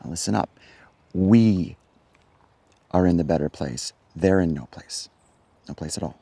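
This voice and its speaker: An actor playing a middle-aged scoutmaster in a short film, cheerfully callous and offhand, who shouts when he gets worked up. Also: low voice, measured pace, no room sound, full character voice. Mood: lecturing. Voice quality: gravelly, husky, yells when excited.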